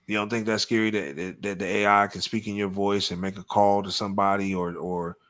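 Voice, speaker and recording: A man's voice: lowish voice, flat delivery, brisk, a bit bright. A man hosting a live show, talking in casual, profane, emphatic banter. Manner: profane, emphatic, repeats "you know what I'm saying". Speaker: podcast host.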